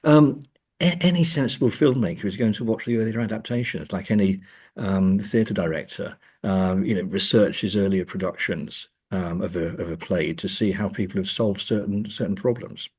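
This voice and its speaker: This man speaks as an academic guest in an interview, exploring literature and film conversationally, searching for ideas and stressing key words. His voice sits on the low side at a normal speed, slightly rough yet a little mellow.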